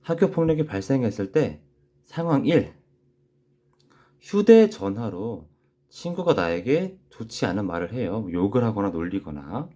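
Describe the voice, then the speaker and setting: A man teaching young children in a recorded class, gently repeating key phrases slowly so they can write them down. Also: on the low side, very animated. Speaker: elementary school teacher.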